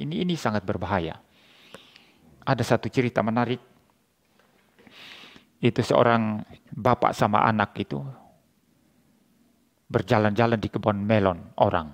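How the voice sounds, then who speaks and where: A man preaching a sermon, emphatic and repetitive, directly addressing the congregation. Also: fairly low pitch. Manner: emphatic, repeats points, addresses listeners directly. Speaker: pastor.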